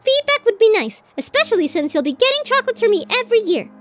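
In a romantic ASMR roleplay, a woman plays a shy, tender tsundere college girlfriend, flustered and hesitant as she swings between protesting and showing affection. Her voice is very high and sing-song, her pace quick, with faint music in the background. She sounds flustered and indignant.

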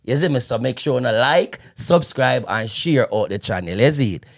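Jamaican male podcast host, playful and lively, casual chat. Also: medium pitch, moderate pace, creaky.

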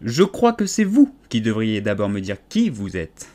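A man's voice: mid-range voice, normal speed, a little mellow, close to an everyday voice. A man voicing a shy, polite little girl in an audiobook, stammering and hesitant. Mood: solemn. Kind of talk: audiobook character voice.

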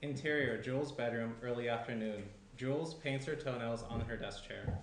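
A young adult man narrates a scripted screenplay in a medium-pitched voice at a moderate pace. The setting is a small indoor room with a round table and a shared desk microphone, giving a roomy echo and faint noise.

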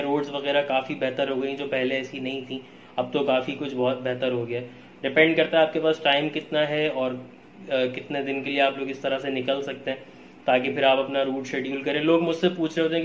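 A man with a Pakistani Urdu accent, talking casually in a travel vlog, easygoing and dropping English phrases with frequent uh fillers. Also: medium pitch. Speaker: travel vlogger. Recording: echoey room with faint background noise.

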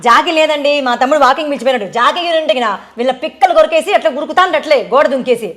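An indignant tenant wife, played by a woman, scolding at breakneck speed. Her voice is high and sharp, never letting anyone get a word in. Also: racing. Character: sharp-tongued female tenant defending her lease. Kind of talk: comedy sketch acting.

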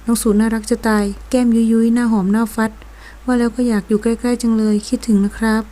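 A woman's voice: on the high side, flat delivery, fast, warm tone, lightly acted. Doting jealous young man, read by a woman. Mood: tender. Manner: sweet, pleading, possessive. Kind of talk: audio novel reading.

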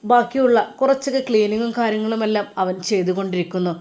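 A woman narrates a dramatic moral story with emotive, earnest storytelling. Her pitch sits in the middle of the usual range for women. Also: fast, darkish tone.

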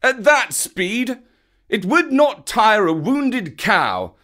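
A man's voice: sits high, sing-song, takes it slowly, pushed and bright, voice pushed up, full character voice. A man voicing a fierce male panther who scolds his friend in a stern, commanding way. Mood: scornful.

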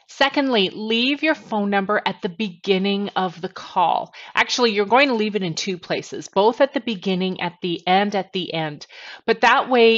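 Speaking to camera from a cramped attic bedroom, a woman in her forties works as a sales trainer, giving instructional tips and emphasizing each step in turn. She has a mid-range voice with a fairly bright tone, captured through a headset that sounds dull and lo-fi.

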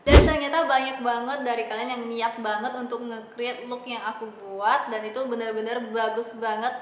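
Female vlogger, twenties, Indonesian accent. Excited, upbeat giveaway announcement, gushing, in a reverberant room with loud noise. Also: on the high side. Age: 20s. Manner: excited, gushing, mixes in English phrases. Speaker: beauty vlogger. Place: small indoor studio with plain backdrop.

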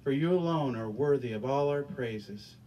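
On a curtained stage in a small church, a middle-aged pastor delivers a sermon and prayer into a handheld mic, earnest and prone to repeating his words. He speaks at normal speed in a mellow, medium-pitched voice, recorded roughly and from a distance.

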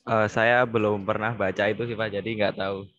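Hesitant young student, quick and low. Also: male voice, level tone, a bit bright. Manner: unsure, hesitant. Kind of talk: answering in class. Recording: dull, lo-fi.

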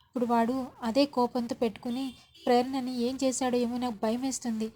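A woman's voice: a little high, little pitch movement, brisk, dark tone, slight background noise, lightly acted. A woman voicing an anxious middle-aged woman afraid for a missing girl. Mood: worried. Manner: anxious, pleading. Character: worried middle-aged mother figure.

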